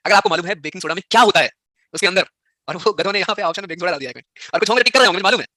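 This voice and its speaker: Male teacher, very fast speech, bright sharp voice, dry close sound, teasing and scolding. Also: high voice, lively intonation, no echo. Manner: teasing, scolds students by turns. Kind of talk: live online exam-prep class.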